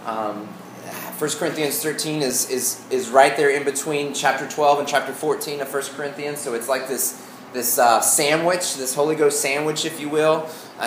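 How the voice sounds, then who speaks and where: A man with an Arkansas Southern accent teaching an informal sermon as a pastor, folksy and halting, often restarting his phrases. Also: mid-range voice. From Arkansas, United States. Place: indoor room before a congregation. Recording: echoey room, faint background noise.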